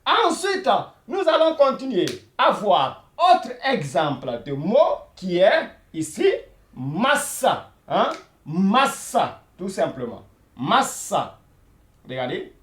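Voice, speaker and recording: Patient male language teacher, unhurried and roomy, drilling words again and again. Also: high voice, sing-song, fairly bright tone. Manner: repeats words slowly, many "voilà" fillers. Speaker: Arabic teacher. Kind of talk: beginner language lesson.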